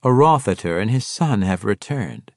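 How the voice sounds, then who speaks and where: A man's voice: lowish voice, lively intonation, moderate pace, a little mellow, dry recording, clean studio sound. A man voicing a cool, formal female dragon in the guise of an elf.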